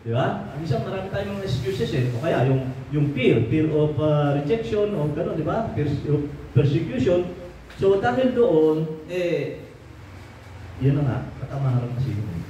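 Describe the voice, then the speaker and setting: A man's voice: on the high side, sing-song, normal speed, mellow. A male pastor preaching a sermon, often asking the congregation to agree and turning fervent when he rebukes. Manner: mixes English phrases into preaching, frequent rhetorical checks. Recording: very echoey hall, mic at a distance, faint room noise.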